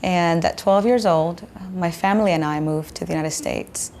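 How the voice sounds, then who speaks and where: A woman from the Dominican Republic, an immigration attorney, speaking earnestly in a measured documentary interview. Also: lowish voice.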